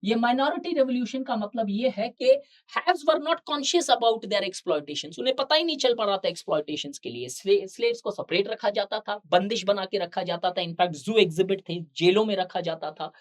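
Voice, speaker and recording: A woman's voice: medium pitch, animated. Woman lecturing, stressing key terms. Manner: explains in Hinglish, often slowing to stress key terms; asks rhetorical questions to the students. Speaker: teacher. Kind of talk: exam-prep lecture.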